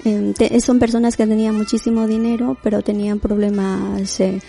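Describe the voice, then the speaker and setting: A woman's voice: medium pitch, flat delivery, normal speed, creaky, mellow, soft background music. A Latin American woman in her forties, a domestic worker, telling her story in an interview, reflective and full of restarts. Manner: reflective, many restarts and fillers. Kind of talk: conversational interview.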